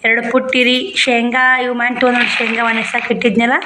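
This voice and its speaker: A woman's voice: on the high side, little pitch movement, quick pace, noisy background. A woman, a village shopkeeper chatting casually to her viewers in a daily vlog and often calling them friends.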